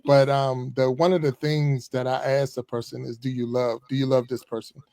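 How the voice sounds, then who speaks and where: A man in his fifties, a former pastor, talking casually as a podcast guest, chatty and relaxed with frequent chuckles. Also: medium pitch, normal speed, no room sound. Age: 50s. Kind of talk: casual conversational interview.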